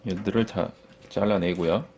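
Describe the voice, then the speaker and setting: A man's voice: sits low, steady tone, normal speed, a little mellow, a little hiss or hum. A man who runs a computer shop, casually walking through a PC case build with plain, informal talk and fillers. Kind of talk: casual hands-on product walkthrough.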